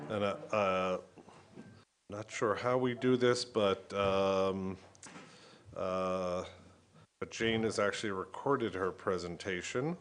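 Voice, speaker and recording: A man chairing a meeting, making informal remarks in a halting, hesitant way with pauses. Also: sits low, a bit bright, slight background noise.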